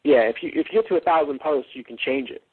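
Husky man podcasting on a dull cheap mic. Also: fairly high pitch. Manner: rambling, halting, thinking aloud. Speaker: podcast host. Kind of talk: casual unscripted podcast discussion.

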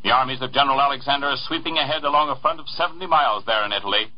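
A man's voice: medium pitch, very fast. American man, muffled 1940s newsreel-style radio newscaster. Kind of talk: 1940s wartime radio news bulletin, old newsreel manner.

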